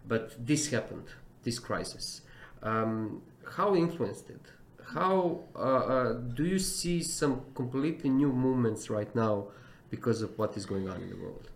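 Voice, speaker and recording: Halting man, echoey room. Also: mid-range voice, expressive. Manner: halting, searching for words. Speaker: interviewer. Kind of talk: interview questions.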